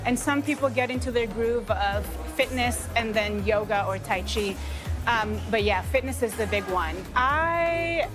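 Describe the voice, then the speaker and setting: A woman's voice: on the high side, measured pace. A woman from the Philippines who runs a fitness gym, speaking hesitantly with many fillers in an interview. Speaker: fitness and martial arts gym owner. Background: music.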